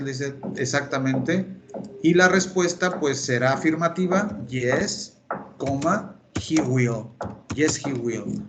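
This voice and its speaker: A man's voice: on the high side, noisy background. A male English teacher giving an online class, explaining step by step and repeating key terms over a computer microphone. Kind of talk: online class lecture in Spanish. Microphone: computer mic on a video call.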